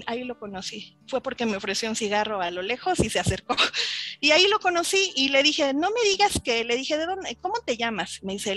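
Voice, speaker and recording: A Mexican woman with a Mexican accent, a podcast guest telling her story in a lively way and acting out the dialogue. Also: high voice, no room sound. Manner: lively, acts out quoted dialogue. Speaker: interview guest. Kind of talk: casual storytelling in an interview.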